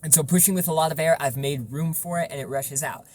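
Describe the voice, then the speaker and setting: A man's voice: fairly high pitch, fast talker, darkish tone. A man giving an informal, explanatory tutorial on vocal technique, stressing points through repetition.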